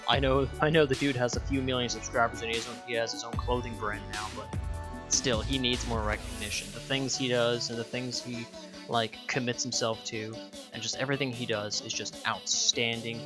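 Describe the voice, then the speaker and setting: A man's voice: medium pitch, flat delivery, normal speed, music in the background. A young man from Denmark, a YouTuber, talking casually to his viewers, rambling, correcting himself and swearing offhand. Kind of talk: casual direct-to-camera vlog.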